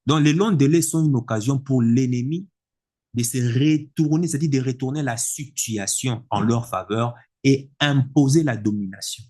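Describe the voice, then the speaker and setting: A man delivering an indignant political opinion monologue, emphatic and repetitive, with a husky voice. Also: mid-range voice. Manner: indignant, emphatic, repeats words for effect. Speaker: political commentator.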